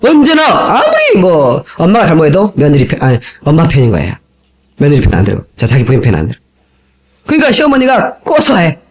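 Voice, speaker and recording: A man's voice: on the high side, fairly quick. A man preaching a sermon as a pastor, talking animatedly and acting out the people in his stories, from an old cassette tape. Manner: animated, acts out quoted voices.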